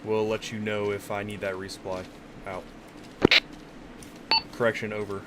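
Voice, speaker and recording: Low, flat man commanding through heavy noise. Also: moderate pace. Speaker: commander in a military simulation game. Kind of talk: military radio procedure, clipped orders. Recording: very noisy, clicks and vehicle rumble.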